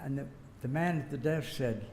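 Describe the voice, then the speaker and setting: This older guest speaker from the United States uses a mid-range, slightly mellow voice at a moderate pace. He rambles through a folksy story with the odd chuckle. The recording has the echo of a hall and faint background noise.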